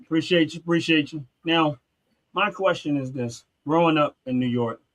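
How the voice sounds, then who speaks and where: A man's voice: a little high, moderate pace, a bit bright. A man from Philadelphia hosting a casual talk show and speaking in an earnest, emphatic, preachy way. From Philadelphia, USA. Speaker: podcast host.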